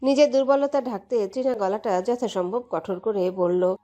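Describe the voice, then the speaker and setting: A woman's voice: mid-range voice, normal speed, faint music behind. Woman narrating a romantic audio story. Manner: emotive, steady storytelling.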